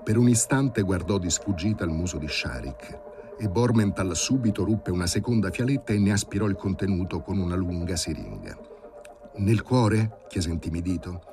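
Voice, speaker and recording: A man with a very low voice reads a novel aloud, measured and vivid. His narration is steady and dramatic. Faint music sits quietly underneath. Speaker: audiobook reader. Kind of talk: dramatic literary reading.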